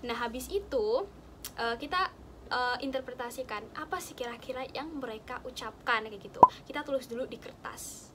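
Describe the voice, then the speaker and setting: A woman's voice: fairly high pitch, moderate pace, fairly bright tone, a little hiss or hum. A young woman casually explaining study tips to a friend, chatty and full of fillers and examples. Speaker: student sharing study tips.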